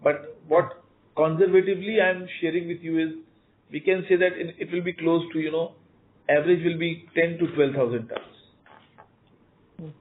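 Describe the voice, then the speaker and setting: On a conference call over a phone line, a company executive with an Indian accent answers analysts during an earnings call, emphatic, repeating words and often saying "you know". His voice is fairly high with a steady tone at normal speed, and he pauses often. Slight background noise accompanies the narrow, tinny phone-line audio.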